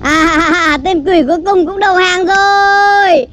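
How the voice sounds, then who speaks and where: A squeaky, boastful demon hunter, played by a man with a very high voice. He schemes out loud in a theatrical comedy-skit manner, and clear outdoor noise runs behind him. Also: steady tone, slow, heavily acted. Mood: triumphant. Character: excitable young male demon hunter.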